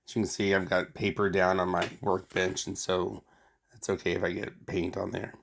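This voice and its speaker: Casting: man, stuffed-up nose from a head cold, lowish creaky voice, casual and hesitant tutorial narrator. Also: level tone, normal speed, a bit bright, a little hiss or hum. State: sick with a cold or sinus infection, stuffy nose. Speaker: art tutorial host. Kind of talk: casual unscripted craft narration.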